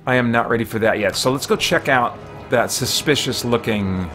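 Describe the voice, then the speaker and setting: A moderate pace and a mid-range, slightly bright voice mark this middle-aged game streamer. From his small home office he offers laid-back live commentary, chatting and musing aloud as game music plays behind him.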